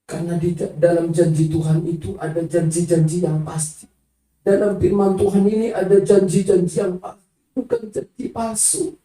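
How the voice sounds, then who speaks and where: A woman's voice: fairly low pitch, level tone, normal speed, dark tone. A woman preaching a sermon, emphatic and calling out to the congregation, sometimes singing her phrases. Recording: echoey hall, voice from far off.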